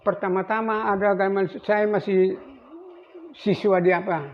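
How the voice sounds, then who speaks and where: Elderly man in his 80s, high voice, halting rambling recollection, dull lo-fi recording with faint hiss. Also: steady tone. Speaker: navy veteran. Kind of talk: recorded interview.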